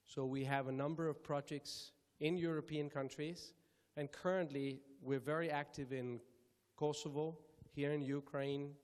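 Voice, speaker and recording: A man from Denmark giving measured, formal opening remarks at a public lecture, with careful phrasing and the odd self-correction. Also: a little high, fairly even intonation, a little mellow, clean tone. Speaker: speaker introducing a public lecture. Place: lecture hall. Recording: reverberant lecture hall.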